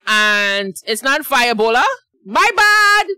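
A middle-aged woman with a Trinidadian accent hosts a reaction channel from a small dark home studio, using a large studio mic and headphones. She chats casually with viewers and laughs at her own slips, her slightly high voice slow and sing-song over background noise.

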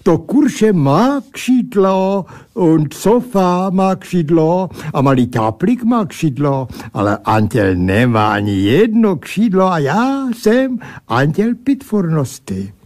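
A man voicing a rude, boozy male creature made of barrels and bottles, talking slowly and boomingly in mangled speech sprinkled with German words. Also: sing-song, darkish tone. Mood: gruff mocking.

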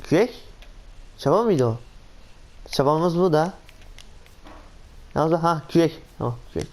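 A man giving casual, excitable commentary on his own gameplay, talking to himself and exclaiming often. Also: a little high, measured pace. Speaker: gaming channel host.

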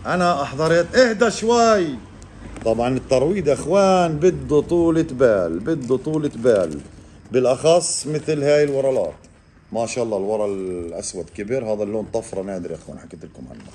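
A man, casually explaining to viewers while calmly coaxing an animal, often in a hushed voice. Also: medium pitch, fast talker, slight background noise. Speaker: reptile keeper vlogger. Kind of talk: casual handheld animal vlog.

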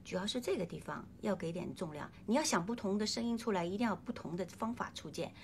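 A woman's voice: medium pitch, animated, quick pace, creaky, a little hiss or hum. A woman piano teacher coaching a student, singing and humming phrases as she explains. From China. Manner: coaching, sings melodies and hums phrases. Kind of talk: piano masterclass instruction. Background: piano playing.

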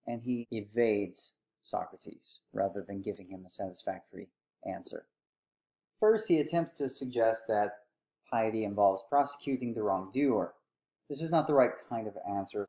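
Man lecturing with lively storytelling. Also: fairly low pitch, normal speed. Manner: lively storytelling, acting out quotes with sarcasm. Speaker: philosophy lecturer. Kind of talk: recorded course lecture.

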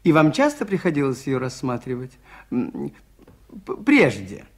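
A man's voice: mid-range voice, huge pitch swings, measured pace, full character voice. Father Brown, mild priest detective. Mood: probing, polite. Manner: polite, questioning. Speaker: radio drama actor. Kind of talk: 1980s Soviet radio theatre acting.

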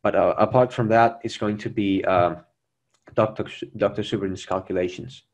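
A young man with a fairly low voice takes questions after his talk over a video call. He answers earnestly but haltingly, full of "uh" and "um" and restarted phrases. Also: steady tone, creaky, dull audio. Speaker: presenter of a Mars mission plan. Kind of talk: conference Q&A answers.

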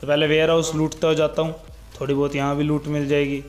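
A man's voice: on the high side, completely flat delivery, fast, soft background music. A young man giving casual, chatty voice-over commentary on his gameplay as a gaming YouTuber, talking straight to his viewers. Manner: chatty, keeps saying "guys" and "bhai" to viewers.

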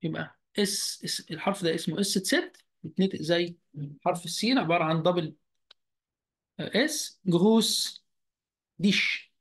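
Over a video call, a man with an Egyptian Arabic accent teaches a beginner German lesson online. He speaks slowly, deliberately repeating each word, in a high, slightly rough voice.

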